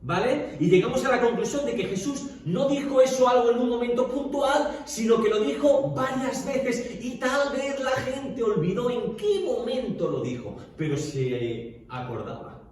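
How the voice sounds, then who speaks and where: A man's voice: very high voice, lively intonation, unhurried, few pauses, darkish tone. A man teaching an informal Bible class to a group in Spanish, conversational and full of questions to his listeners. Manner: conversational, asks the class questions, many filler checks. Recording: echoey room, distant mic.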